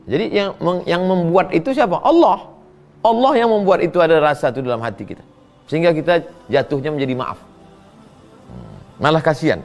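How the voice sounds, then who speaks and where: A middle-aged man, a preacher answering listeners' questions in a humorous, animated sermon. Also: a little high, a little fast, soft background music. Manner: humorous, animated, acts out quoted voices; reads listeners' questions aloud, then answers.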